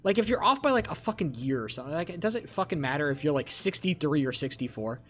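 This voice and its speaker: A man's voice: a little high, expressive, fast, a bit bright, slightly rough. Profane young man ranting at chat. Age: 20s. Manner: profane, rambling, talks back to chat. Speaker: streamer. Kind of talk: casual live-stream chat.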